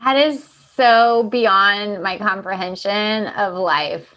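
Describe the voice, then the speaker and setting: A woman co-hosting a podcast, chatting and reading stories aloud in an animated way with chatty asides. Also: mid-range voice, slow, muffled recording. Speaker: podcast co-host.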